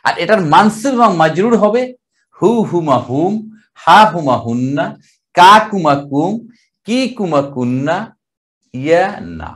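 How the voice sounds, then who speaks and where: An older man from Bangladesh teaching Arabic grammar in a classroom lecture, explaining step by step and drawing out the Arabic words slowly. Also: fairly high pitch, animated.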